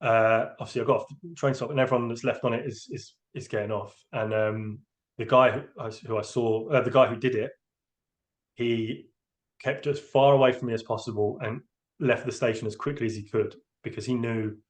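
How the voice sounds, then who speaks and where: Guy in his 30s, train driver, halting and open, talking through a rough experience in a podcast interview. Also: mid-range voice, steady tone. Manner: hesitant, open, emotionally candid. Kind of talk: candid personal account in a podcast interview.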